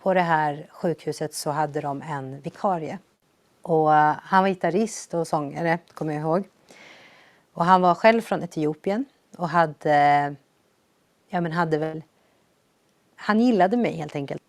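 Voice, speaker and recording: A young woman with a low voice telling her own life story in an earnest, reflective way, raising her energy when she re-enacts quoted lines. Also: no echo. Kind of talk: personal storytelling testimony.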